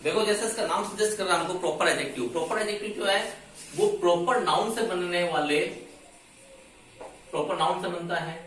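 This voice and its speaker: A man teaches English grammar in a slightly high voice, posing questions to his students and answering them himself. His voice rings through a very echoey room and is picked up from some distance away, with faint room noise behind it. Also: brisk, a bit bright. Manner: explains step by step, asks and answers his own questions. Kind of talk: classroom grammar lesson.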